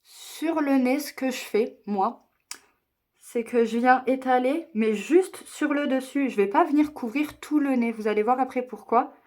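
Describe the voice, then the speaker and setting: A woman's voice: high voice, unhurried, a little mellow. A young woman chatting her way through a makeup tutorial, explaining each step and joking at her own expense. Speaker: beauty vlogger.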